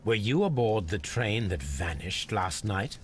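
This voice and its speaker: A man's voice: lowish voice, very animated, unhurried, a little hiss or hum. An actor playing a composed male detective who questions witnesses politely and formally in a video game. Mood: calm inquiry. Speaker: investigator.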